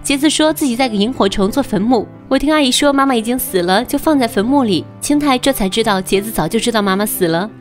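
Fast-talking woman narrating a film recap. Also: a little high, expressive. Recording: narration over faint background music.

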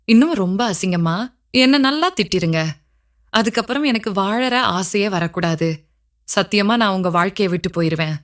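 A woman's voice: mid-range voice, animated, moderate pace, natural voice. A desperate, lovesick man pleads his devotion in a told story, put on by a woman narrator. His words come out earnest and emotional.

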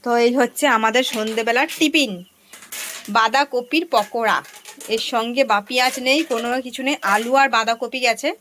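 Hoarse chatty woman home vlogger. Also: on the high side, brisk, a bit bright, slight background noise. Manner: chatty, rambling, talks to viewers as friends. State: hoarse from a cold. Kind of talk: casual home vlog chat to viewers.

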